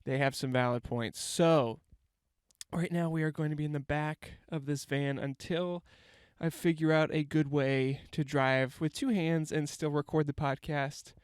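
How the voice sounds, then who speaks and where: Congested young male podcast host, a little high and smooth, rambling and self-deprecating. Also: fairly even intonation, measured pace, no room sound. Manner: rambling, self-mocking jokes. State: stuffy, congested from a cold. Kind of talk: casual comedic monologue. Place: inside a parked van. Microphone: handheld microphone.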